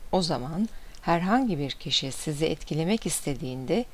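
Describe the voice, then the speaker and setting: A woman reading short fables and wise sayings aloud in a steady, expressive manner. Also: sits low, a little fast. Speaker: storyteller.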